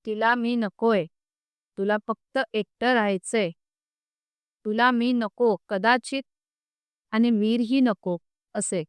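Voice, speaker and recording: Brief: woman narrator voicing a distraught, emotional young wife in a storybook, higher voice. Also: fairly even intonation, slow pace, pauses often, clear, resonant tone, no room sound, studio quality. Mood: angry.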